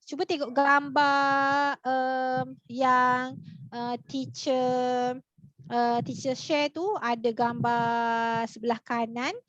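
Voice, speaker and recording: A woman's voice: fairly high pitch, flat delivery, very slow, no echo, dull audio. A woman with a Malaysian accent, a reading teacher running a live online class, chatty, full of fillers, and often putting questions to her viewers.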